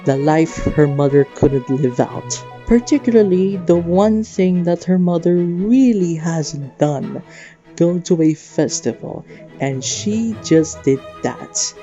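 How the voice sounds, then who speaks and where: Over guitar music, a young adult video creator and host earnestly narrates a personal, sentimental video essay about a game. The voice is mid-range, slow-paced and mellow, and the recording sounds muffled.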